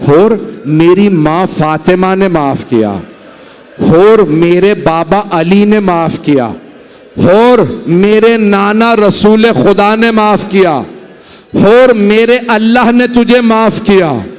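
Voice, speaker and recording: A man voicing a calm, forgiving leader, speaking softly in a lowered, measured way. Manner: soft, lowered, measured speech.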